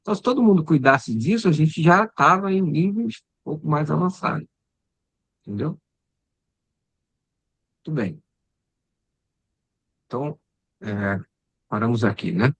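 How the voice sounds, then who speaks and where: Husky guy running a spirit study group, dry sound, chatty, keeps asking "right?". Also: on the high side, animated, a little slow, pauses often, dry recording. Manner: conversational, repeats "né?" and "entendeu?", trails off quietly. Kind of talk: casual spiritual study discussion.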